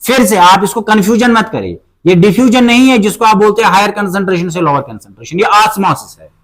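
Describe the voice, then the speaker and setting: A male teacher explaining a biology lesson, asking himself questions and answering them, repeating key terms and slowing down to dictate definitions. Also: high voice, a bit bright, low-quality recording.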